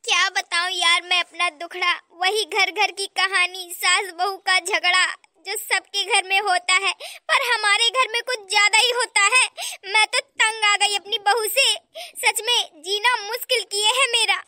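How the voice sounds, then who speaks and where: A woman's voice: extremely high pitch, steady tone, measured pace, hardly any pauses, bright, forceful tone, dry recording, studio quality, full character voice. A woman voicing a self-pitying village mother-in-law. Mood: aggrieved. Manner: self-pitying, complaining, melodramatic. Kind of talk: cartoon voice acting.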